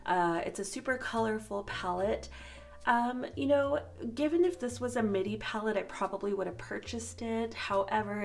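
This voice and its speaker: A woman beauty vlogger chats casually and informally to her viewers while reviewing products. Her voice is medium-pitched and gravelly, and she sounds a little sick and sniffly.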